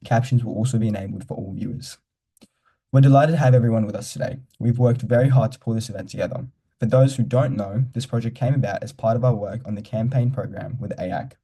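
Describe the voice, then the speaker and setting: A man's voice: mid-range voice, fast talker, mellow, slightly rough. A young man hosts an online youth event, reading a formal scripted welcome over a video call. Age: young adult. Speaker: event host.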